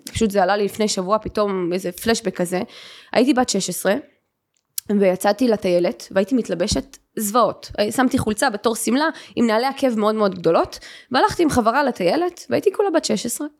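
A young woman hosting a podcast, telling her own story with feeling and acting out the voices of the people in it. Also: fairly high pitch. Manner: animated, acts out quoted voices. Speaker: podcast host. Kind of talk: emotional personal storytelling.

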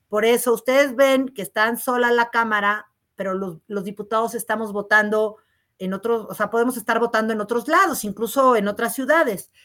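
A woman with a loud, resonant voice, telling stories as a guest in a casual interview with lots of quick asides. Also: a little high. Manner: animated, rapid storytelling full of "o sea" asides. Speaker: congresswoman guest.

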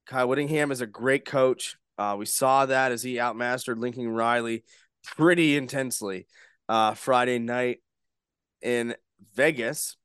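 A man's voice: medium pitch, fairly bright tone, clear, resonant tone, no echo, clean studio sound. A young man hosting a casual sports podcast, talking in loose, rambling sentences full of restarts. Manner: rambling, frequent restarts and fillers. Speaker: podcast host.

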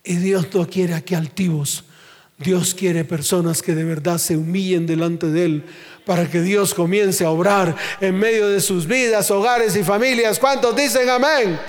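Pastor preaching, high voice, asks the crowd questions, long hall echo. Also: male voice, steady tone, unhurried. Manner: preaching with call-and-response questions and acted quotes. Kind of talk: sermon. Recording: long reverb of a large hall.

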